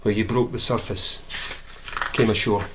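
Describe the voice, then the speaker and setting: A man, a poet, reading his own poems aloud in a measured way, lifting his voice for emphasis. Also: lowish voice, steady tone, noisy background. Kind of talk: poetry reading.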